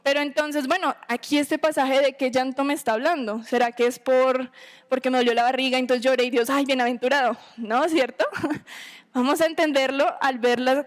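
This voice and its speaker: A woman giving a sermon to a women's meeting, teaching in a conversational way, asking rhetorical questions and checking in with her listeners. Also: high voice.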